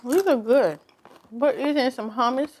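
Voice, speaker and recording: A woman's voice: high voice, moderate pace, a little mellow, slight background noise. A woman chatting casually on a snack review vlog, tasting as she talks and restarting her sentences. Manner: chatty, tasting food while talking, trailing restarts. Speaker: vlogger.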